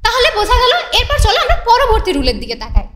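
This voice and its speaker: A woman's voice: extremely high pitch, wildly swooping pitch, fairly bright tone. A woman teaching an English grammar lesson to students, explaining rules patiently step by step and asking the class questions. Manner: reads English example sentences slowly. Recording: echoey room with faint noise.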